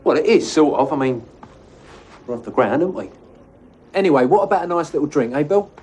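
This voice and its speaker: A man's voice: on the high side, animated, fairly quick, warm tone, a little hiss or hum, natural voice. A young man with a London accent playing a scruffy, cheeky, offhand lad in a naturalistic television comedy-drama. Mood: breezy, cheeky.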